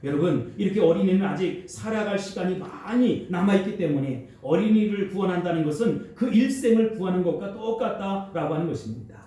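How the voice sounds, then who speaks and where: A man's voice: sits high, fairly quick, few pauses, dark tone. A man preaching a Sunday sermon as pastor, earnestly acting out the people in his stories. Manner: earnest preaching, acts out quoted voices. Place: church sanctuary. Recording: echoey church sanctuary, mic at a distance.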